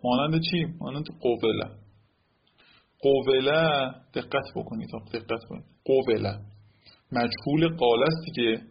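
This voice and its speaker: A man teaching a lesson on Arabic grammar rules, often asking the class "right?" and slowly repeating example words. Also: medium pitch, gravelly, muffled recording, slight background noise. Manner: asks the class rhetorical check questions like "right?".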